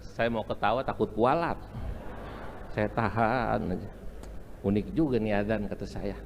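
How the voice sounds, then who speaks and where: A man's voice: on the low side, steady tone, unhurried, vocal fry, slight background noise. A middle-aged man from Indonesia, giving a humorous religious lecture that slips into chanted Arabic phrases. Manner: chants and sings Arabic phrases, jokes about regional accents. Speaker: Islamic preacher. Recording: echoey hall, faint room ambience.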